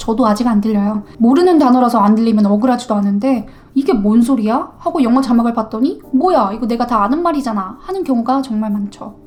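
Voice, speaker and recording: A woman teaching English listening in a relaxed, chatty way. Her voice sits a little high. She addresses the viewer directly and now and then imitates how English phrases sound. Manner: talks straight to viewers, mimics English pronunciations to contrast them. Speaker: English-learning YouTuber. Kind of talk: casual explanatory lesson.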